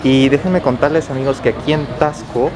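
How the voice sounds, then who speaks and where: A man's voice: medium pitch, a little fast. Mexican man vlogging through a face mask. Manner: playful, mock-dramatic enthusiasm. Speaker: vlogger host. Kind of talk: casual food vlog chat. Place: outdoors on a busy town street. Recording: loud outdoor street noise. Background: loud street and traffic noise.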